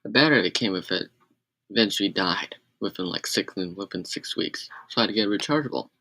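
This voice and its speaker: A man's voice: sits low, expressive, quick pace, gravelly, sharp tone. A man rambling on a casual live stream, correcting himself and adding sarcastic asides.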